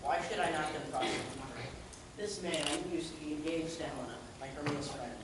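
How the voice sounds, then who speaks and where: An earnest young lover pleads his case, played by a man. His voice sits a little high and carries across a roomy hall. The mic is far away and picks up noise. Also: brisk, natural voice.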